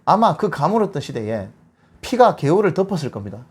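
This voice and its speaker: A man giving a bible lecture, retelling scripture as a lively story and acting out the quotes. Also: fairly high pitch, a little fast, breathy edge.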